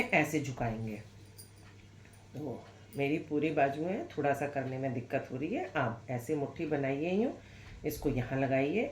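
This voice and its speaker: A woman's voice: low-pitched, echoey room, a little hiss or hum. A woman with a sore throat and cough, leading a guided breathing exercise lesson as a yoga instructor in a patient, reassuring, instructive way.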